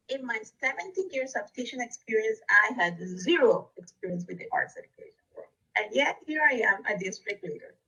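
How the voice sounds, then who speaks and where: A woman presents a recorded webinar in an earnest, steady way. Her voice sits a little high and sounds husky and breathy. She is recorded from a bit back from the microphone. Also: far from the mic, low-quality recording. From Costa Rica. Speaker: district education leader.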